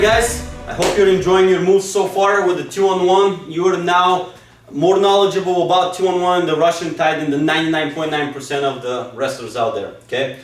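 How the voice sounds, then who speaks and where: A man's voice: fairly high pitch, far from the mic. A man coaching wrestling moves in a demo, enthusiastic and full of "okay?" and "super" as he talks students through each step. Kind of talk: instructional technique demo. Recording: echoey room, speaker off-mic.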